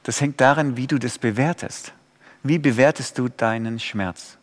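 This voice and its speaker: A man preaching a sermon, dropping to quiet and rising to loud pleading cries. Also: mid-range voice, moderate pace, big-room sound.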